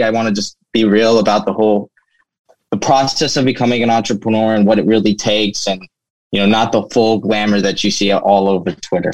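A young man who was born in Turkey and grew up in the United States tells his story informally as an interview guest, frequently saying "you know." He runs a flooring business. His voice is on the low side, with no echo and poor audio quality.

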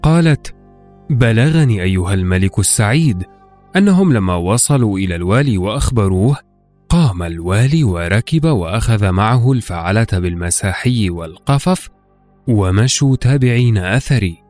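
A man's voice: lowish voice, expressive, moderate pace, darkish tone, faint music behind. A man narrating a scripted literary tale in a formal, classical Arabic storytelling manner. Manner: formal classical Arabic recitation, acting out dialogue. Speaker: podcast host and storyteller.

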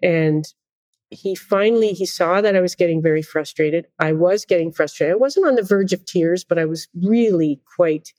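A middle-aged woman, a conductor and interview guest, telling animated, self-deprecating stories in casual conversation. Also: lowish voice, moderate pace, dry recording. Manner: animated, self-deprecating anecdotes with frequent laughter.

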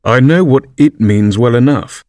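A man's voice: medium pitch, moderate pace, darkish tone, no room sound, natural voice. A man voicing a blunt, matter-of-fact duck in a storybook reading.

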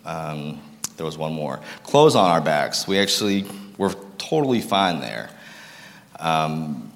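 A man's voice: extremely low pitch, big pitch swings, slow. A man in his thirties from Massachusetts, telling his life story to an audience in a casual, self-deprecating way and joking with the crowd. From Massachusetts, United States. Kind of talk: personal testimony talk to an audience. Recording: long reverb of a large room.

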